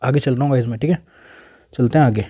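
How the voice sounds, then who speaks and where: A young man teaching at a whiteboard, repeating names over and over and coaxing students to say them out loud. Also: medium pitch, fast talker, slightly rough, highs cut off. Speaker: exam coaching teacher. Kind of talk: whiteboard lesson. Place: indoors at a whiteboard.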